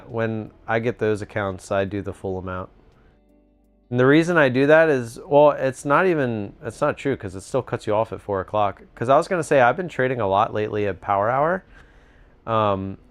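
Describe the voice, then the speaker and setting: A man hosting a casual live trading stream from a cruise ship, chatting easily and reading viewer comments aloud. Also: medium pitch. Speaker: livestream trading host.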